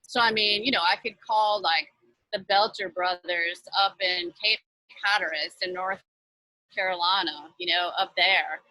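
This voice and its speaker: A woman's voice: fairly low pitch, fairly even intonation, a little slow, sharp tone, no room sound, rough recording. A woman talking as a guest on a video call from her front porch office, chatty and upbeat with lots of fillers. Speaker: guest, nonprofit leader. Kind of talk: casual interview chat.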